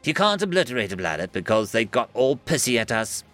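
A man doing a weary, deadpan ship officer. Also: mid-range voice, fairly quick, soft background music. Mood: exasperated. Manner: dry, exasperated, deadpan.

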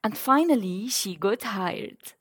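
A woman's voice: medium pitch, expressive, slow pace, husky. A woman with a Tunisian North African accent narrating a scripted piece as a podcast host.

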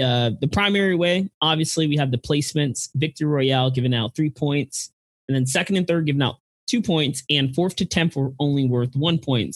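A man's voice: a little high, no echo. A man co-hosting a casual podcast, explaining rules step by step. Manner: explanatory, breaks down details with restarts. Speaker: podcast co-host.

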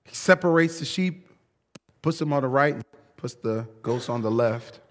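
A man preaching a sermon in an emphatic, lively way, often laughing between words. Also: mid-range voice, normal speed. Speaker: pastor. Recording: long hall reverb.

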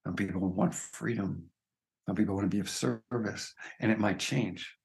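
Low gravelly guy explaining spiritual stuff, earnest, keeps saying right?. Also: steady tone, moderate pace. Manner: earnest, emphatic, frequent "right?" tags. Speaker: guest, spiritual teacher. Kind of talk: reflective conversation.

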